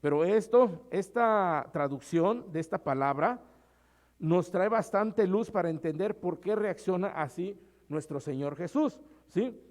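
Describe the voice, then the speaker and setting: A man's voice: sits high, expressive, measured pace, darkish tone. A male pastor, preaching a sermon in a conversational way and often addressing the congregation as brothers.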